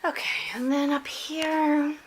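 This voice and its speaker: A woman's voice: high-pitched, level tone, takes it slowly, poor audio. A middle-aged woman from upstate New York chatting casually as she films a tour of her home library, with lots of fillers and self-corrections. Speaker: booktuber giving a bookshelf tour. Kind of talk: casual chatty vlog narration. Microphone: handheld camera while filming shelves.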